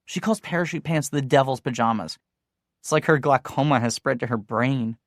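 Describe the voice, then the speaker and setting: A man voicing a bold, wisecracking teenage girl in an audiobook, raised well above his own pitch. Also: moderate pace, dry recording, studio quality, lightly acted. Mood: insistent. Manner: sharp, teasing, insistent.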